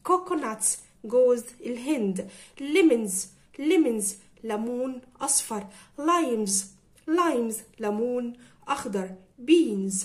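A woman with an Egyptian Arabic accent teaches English words to children in a fairly high voice. She repeats each word slowly and clearly, as in a vocabulary drill.

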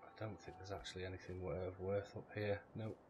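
A man's voice: deep voice, little pitch movement, fast talker, dull audio, over loud music. A man giving casual gameplay commentary, informal and sweary, thinking aloud as he goes. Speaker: gaming video host. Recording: clearly noisy background with clicks.

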